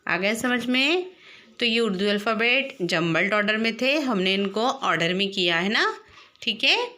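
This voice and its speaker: A woman's voice: mid-range voice, animated, a little slow, pushed and bright. A woman teacher patiently spelling out letters one by one for young children and quizzing them as she goes. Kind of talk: slow classroom lesson.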